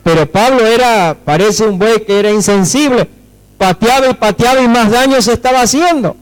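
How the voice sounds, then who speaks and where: High-voiced Rioplatense preacher. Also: male voice, normal speed, clean tone, low-quality recording. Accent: Rioplatense Spanish. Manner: emphatic, checks in with listeners through questions; acts out quoted dialogue with shifting voices. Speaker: pastor. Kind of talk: sermon.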